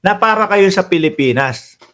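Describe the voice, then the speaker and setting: A Filipino-accented man hosting a casual political commentary stream, chatty and quick to laugh, calling out to his viewers. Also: high-pitched, lively intonation, fairly bright tone. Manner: chatty, laughs often, addresses viewers as bossing and kababayan. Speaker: political commentary livestream host.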